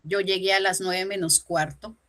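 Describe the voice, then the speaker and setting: A woman's voice: medium pitch, fairly even intonation, moderate pace, noisy background. A woman giving a personal testimony during a church Bible lesson, telling her story animatedly and acting out the dialogue.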